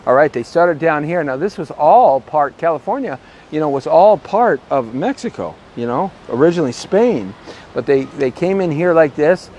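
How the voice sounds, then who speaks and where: A man's voice: fairly high pitch, animated, moderate pace, a little mellow, dull audio. Chatty middle-aged man on a city street. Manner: chatty, rambling, self-promoting. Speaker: real estate show host. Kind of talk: casual walking vlog. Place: outdoors on a downtown street. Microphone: earbud headset mic, phone at arm's length. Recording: faint street noise outdoors. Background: faint city street and traffic noise.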